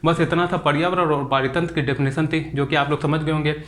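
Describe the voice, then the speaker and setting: Young man, somewhat high voice, exam-prep video lecture, rhetorical questions, repeats points. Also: fairly even intonation, quick pace, fairly bright tone. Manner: repetitive, asks students rhetorical questions, ends phrases with "ठीक". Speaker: exam coaching teacher.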